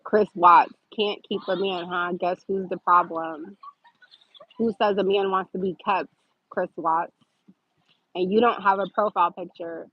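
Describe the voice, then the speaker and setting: A woman's voice: lowish voice, fairly even intonation, unhurried, highs cut off. A woman hosting a casual livestream, reading viewer comments aloud and answering them with sarcasm and laughter.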